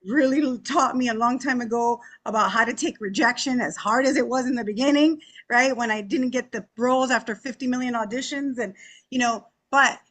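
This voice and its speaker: An energetic woman in her forties speaks on a conference panel, her voice sitting fairly high. She talks emphatically and keeps checking in with her listeners. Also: brisk. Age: 40s. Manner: energetic, emphatic, uses "right?" and "like" often. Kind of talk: panel discussion.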